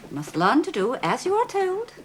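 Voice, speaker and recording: An actress playing a strict, haughty headmistress with a severe, clipped way of scolding, in a period TV drama. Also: female voice, sits high, huge pitch swings, moderate pace, slight background noise. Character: strict, haughty female headmistress of a girls' school.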